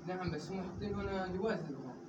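Distant, rapid-talking man student. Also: high voice, a little mellow. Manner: asks brief questions from across the room. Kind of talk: classroom questions. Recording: dull, noisy, distant in the room.

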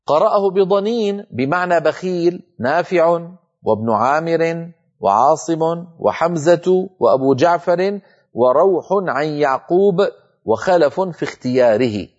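A man teaching Quran recitation in a televised lesson, explaining patiently and slowly chanting examples to show each sound. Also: fairly high pitch, lively intonation, darkish tone, highs cut off.

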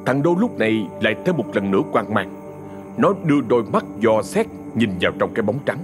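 A man narrating an audio ghost story in an expressive, dramatic storytelling manner. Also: fairly low pitch, brisk, over music.

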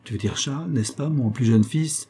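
A man's voice: medium pitch, normal speed, warm tone, slightly rough, pitched above the performer's own voice. A man playing a resolute exiled father who talks in a firm, commanding way.

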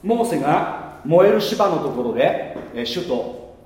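A man's voice: fairly high pitch, expressive, measured pace, darkish tone. A man preaching a sermon as pastor, mixing casual asides with rhetorical questions to the congregation. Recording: echoey hall recording.

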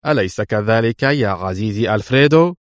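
A man's voice: lowish voice, expressive, a little fast, no room sound, studio quality, natural voice. A man voicing a gloating, mocking male crime boss who taunts with smug confidence in an audiobook.

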